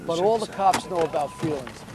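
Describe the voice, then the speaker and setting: A man's voice: a little high, animated, fairly quick. A man hosting and narrating a police reenactment in a scripted style, also putting interview questions. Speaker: host and narrator, former police officer. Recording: faint background noise.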